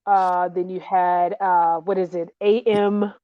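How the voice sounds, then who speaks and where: A woman's voice: lowish voice, flat delivery, slow, dry recording. A woman from Illinois, a guest on a casual podcast, talking thoughtfully with many hesitations. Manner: thoughtful, hesitant, laughs easily. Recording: slightly dull, lo-fi sound.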